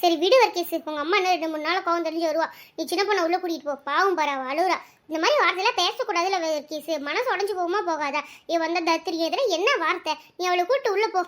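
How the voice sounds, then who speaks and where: A woman voicing a motherly neighbour who soothes and gently scolds a quarrelling family. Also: extremely high pitch, fast talker. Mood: coaxing.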